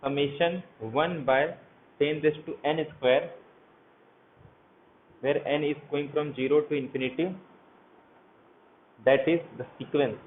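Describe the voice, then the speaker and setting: A man teaching a math lecture, walking through each step and asking his students questions as he goes. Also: a little high. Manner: walks through steps, asks students questions. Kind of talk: explanatory lecture. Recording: tinny phone-like audio, faint hiss.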